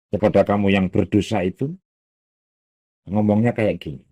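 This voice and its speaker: A man giving a Quran commentary lesson at a boarding school, lively and acting out quoted speech. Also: on the low side, normal speed. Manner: animated, acts out quoted speech, mixes in local phrases.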